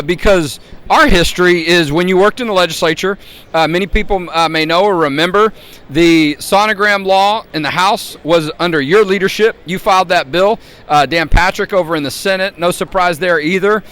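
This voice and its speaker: High-pitched, chatty male interview host. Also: moderate pace, fairly bright tone. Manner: chatty, rambling. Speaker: host, advocacy group president. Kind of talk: casual live interview hosting. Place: convention floor.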